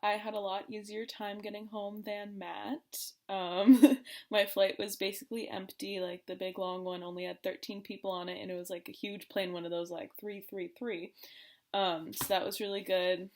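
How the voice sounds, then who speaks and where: A woman's voice: mid-range voice, little pitch movement, moderate pace, a little mellow. A young woman from the United States chatting informally to her viewers in a casual vlog update. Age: young adult. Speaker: vlogger.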